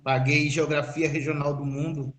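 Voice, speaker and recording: A man's voice: on the high side, level tone, normal speed, faint music behind. A man with a Brazilian Portuguese accent, a former student who politely asks his teacher a question in an online class, heard through a distorted, clipping camera microphone. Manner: polite, respectful address to a teacher. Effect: clipping, distorted mic sound. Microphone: built-in camera microphone. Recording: loud noise, distorted clipping webcam mic.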